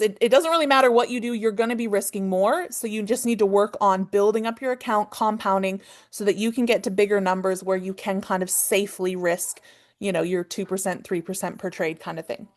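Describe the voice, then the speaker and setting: A woman in her thirties with a Canadian accent, teaching a live online trading lesson, talking fast and checking in with "okay?" all the time. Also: mid-range voice. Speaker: trading coach.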